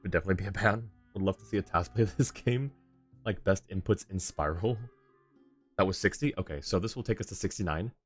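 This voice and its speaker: A man with a low-pitched voice speaks a little fast while streaming a game casually. He mutters his thoughts in short bursts and talks to his chat, with video game music playing behind him.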